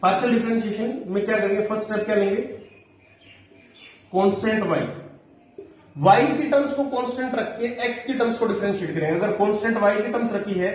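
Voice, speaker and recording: A high-voiced male teacher delivers a classroom math lecture, explaining each step and repeating the important phrases. He slows down when dictating formulas, and the recording sounds distant and very echoey.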